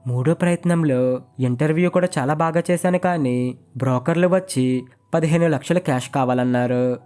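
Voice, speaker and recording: A man's voice: fairly high pitch, moderate pace, a little mellow, faint music behind, close to an everyday voice. A man reading a remorseful idealistic young man. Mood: earnest. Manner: earnest, apologetic.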